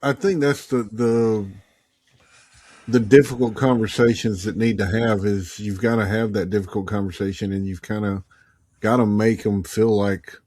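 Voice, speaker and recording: A man on a podcast speaking slowly and haltingly, a bit away from the microphone. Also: on the low side, steady tone, a little mellow, dry recording. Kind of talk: casual podcast chat.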